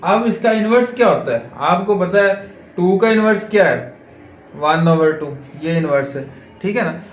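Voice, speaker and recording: A man's voice: high voice, lively intonation, moderate pace. A man lecturing as a math teacher, working through problems step by step and asking rhetorical questions as he goes. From Pakistan. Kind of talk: board lecture solving exercises. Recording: echoey room with faint noise.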